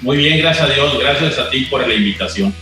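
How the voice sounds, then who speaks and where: A middle-aged business executive from Monterrey, Mexico, with a northern Mexican accent, tells chatty anecdotes about his life as an interview guest. His medium-pitched voice is expressive, a little fast, pushed and bright, with soft music behind him in a very echoey room.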